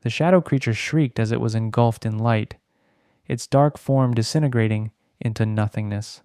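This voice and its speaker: A man narrating a bedtime fantasy story in a measured way with dramatic pauses. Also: mid-range voice, a little mellow, clean tone, no room sound, clean studio sound.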